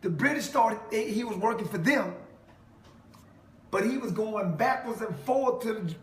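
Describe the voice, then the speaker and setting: A man's voice: high voice, animated, unhurried. A man delivering an emphatic preaching monologue to a listener, quoting scripture and laughing mockingly. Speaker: self-styled preacher. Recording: echoey room with faint noise.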